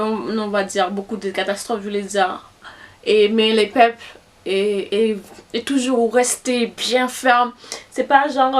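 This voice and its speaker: Slow, hesitant young woman vlogger. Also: a little high. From Haiti. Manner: hesitant, many fillers and restarts; proud and emphatic. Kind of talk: casual chat to camera.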